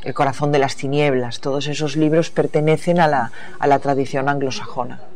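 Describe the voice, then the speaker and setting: A woman's voice: rumbling low, steady tone, fairly quick, a little mellow. Novelist guest, woman from the US, reflective and searching, restarts her thoughts mid-sentence. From United States. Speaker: novelist being interviewed. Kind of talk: reflective interview talk.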